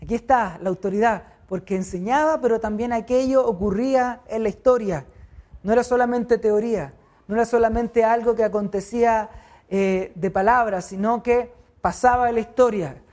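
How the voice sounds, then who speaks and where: A woman's voice: on the high side, moderate pace, a little mellow. A woman leading a Bible study, asking the group questions and answering them herself.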